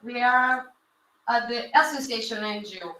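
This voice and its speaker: Bright-voiced woman host in an echoey hall. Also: on the high side, moderate pace, recorded from a distance. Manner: hesitant, repeats words, non-native phrasing. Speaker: awards ceremony host. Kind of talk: live-streamed awards presentation.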